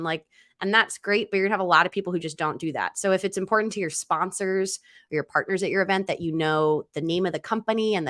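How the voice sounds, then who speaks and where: A woman's voice: lowish voice, fairly bright tone, dry recording, studio quality. A woman co-hosting a podcast, chatting casually with lots of fillers and restarts. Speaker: podcast co-host.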